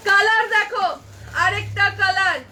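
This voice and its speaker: Kolkata Bengali shop seller, woman, live-stream pitch, very high and sharp, phone-mic sound. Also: level tone, a little slow, a little hiss or hum. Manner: chatty, addresses viewers directly, counts off sizes. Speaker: online clothing seller. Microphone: phone camera.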